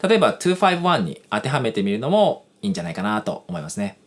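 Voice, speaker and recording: A man's voice: fairly low pitch, very animated, quick pace. A man hosting a guitar lesson, explaining politely in a scripted way with casual fillers. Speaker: jazz guitar teacher. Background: guitar music.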